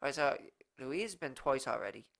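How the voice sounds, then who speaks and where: A man's voice: medium pitch, fairly quick, gravelly, fairly bright tone. A young man co-hosting a podcast, joking around and chipping in with asides. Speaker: podcast co-host. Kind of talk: casual chat.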